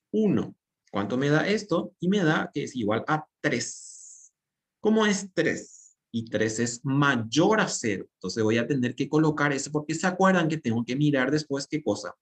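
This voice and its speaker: Man teaching math, thinking aloud step by step. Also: on the high side. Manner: explains step by step while writing, asks and answers his own questions. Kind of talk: recorded class lecture.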